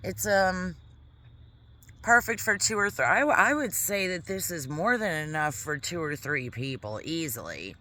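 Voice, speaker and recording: Bright-voiced woman chatting outdoors. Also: fairly low pitch, sing-song, a little slow. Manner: chatty, rambling, eating while talking. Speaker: vlogger. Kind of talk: casual vlog chat. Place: outdoors in a quiet park. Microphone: camera mic.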